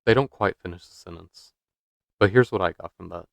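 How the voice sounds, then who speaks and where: Deep-voiced man narrating a dramatic essay. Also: gravelly, no room sound. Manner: measured, dramatic delivery with rhetorical questions. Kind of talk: scripted narration.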